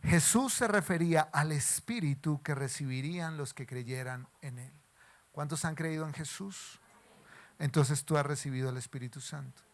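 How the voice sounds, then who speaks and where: A man with a Colombian Spanish accent, a pastor preaching a sermon in an animated way and acting out pleading prayers. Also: a little high, normal speed.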